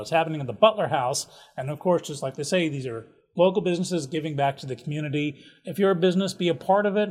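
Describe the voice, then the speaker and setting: A man hosting a casual local events rundown, chatty and jokey with offhand asides. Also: on the high side. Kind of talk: casual community calendar rundown.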